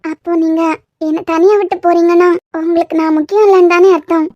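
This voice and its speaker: A clingy young cartoon wife played by a woman pleads in a very high, whiny voice with a Kanyakumari Tamil accent. The tone is soft and mellow. The sound is dull and lo-fi. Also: steady tone, fast, no room sound. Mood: pleading. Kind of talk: cartoon web series voice acting.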